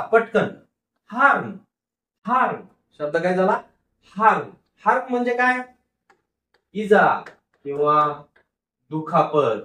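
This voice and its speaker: Sounding out words syllable by syllable, a high-pitched man with a fairly bright tone runs a phonics lesson, repeating words and answering the questions he asks the class. The distant mic picks up a roomy echo.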